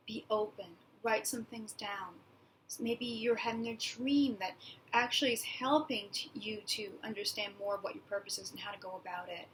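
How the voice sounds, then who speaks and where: Earnest woman medium, soft whispers. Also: on the high side, a little hiss or hum. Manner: earnest, urgent, often drops to a soft whisper. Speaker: spiritual medium and channeler. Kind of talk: spiritual channeled message to viewers.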